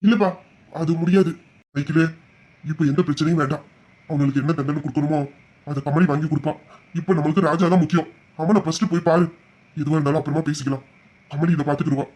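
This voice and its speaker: A man's voice: on the high side, steady tone, quick pace, pauses often, a little mellow, lightly acted. A man voicing a father who patiently urges his son to trust him. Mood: urging. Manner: urging, patient. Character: father, older man, calm and persuasive. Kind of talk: Tamil audio drama acting.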